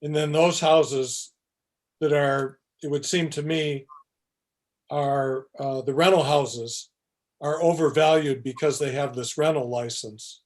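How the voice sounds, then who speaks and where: A man's voice: a little high, fairly even intonation, takes it slowly, darkish tone. A man on a planning commission, laying out his question at a public meeting, hesitant and full of restarts. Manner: hesitant, thinking aloud with many uhs and restarts.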